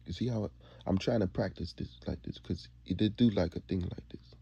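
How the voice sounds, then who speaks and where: A man's voice: deep voice, brisk, gravelly, mellow, slightly rough, highs cut off. A man giving a rambling, preachy monologue, chuckling to himself.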